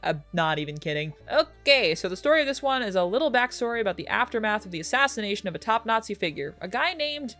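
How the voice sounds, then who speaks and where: A woman's voice: quick pace, few pauses, faint music behind. Young woman ranting about movies, swears a lot, sarcastic, voice bouncing all over. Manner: animated, pitch jumps for jokes. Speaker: film reviewer. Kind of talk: casual chat.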